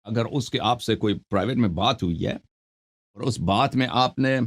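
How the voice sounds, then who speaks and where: Man hosting, scolding a caller. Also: fairly low pitch. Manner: scolding, accusing, cuts in over the caller. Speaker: show host. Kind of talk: confrontational live call-in debate.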